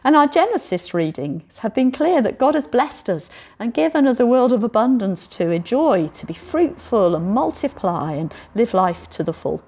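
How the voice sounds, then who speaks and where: Woman preacher doing an all-age talk, lively storytelling, gets everyone to join in. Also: on the high side, moderate pace, hardly any pauses, husky.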